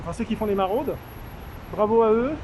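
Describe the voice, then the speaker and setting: A man with a notably high voice speaks through a face mask, slightly muffled. He talks informally and haltingly, as in a street video update, with clear traffic and urban noise around him. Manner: halting, drawn-out hesitations. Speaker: street medic caring for a homeless man. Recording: noisy outdoor street with traffic.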